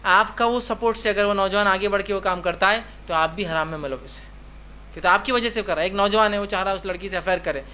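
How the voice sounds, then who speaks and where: A man's voice: sits high, bright, forceful tone, slight background noise. A male Islamic lecturer teaching in a conversational way, asking rhetorical questions and repeating his reminders often. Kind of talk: religious lecture.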